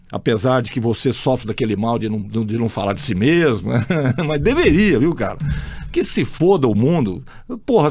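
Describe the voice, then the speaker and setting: A man's voice: mid-range voice, a little mellow. A man from Brazil hosting a casual chat, telling anecdotes bluntly, swearing freely and acting out the people in his stories. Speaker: podcast host.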